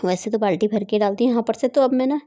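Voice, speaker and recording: A woman's voice: a little high, fast talker, dark tone, dull audio. A woman in her thirties chatting casually through a home vlog, rambling and laughing often as she goes. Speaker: vlogger. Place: home, rooms and rooftop.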